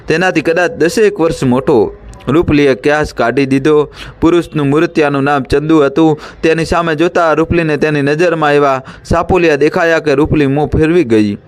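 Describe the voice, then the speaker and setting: Give me a man narrating a story in a steady, measured voice at an average pitch.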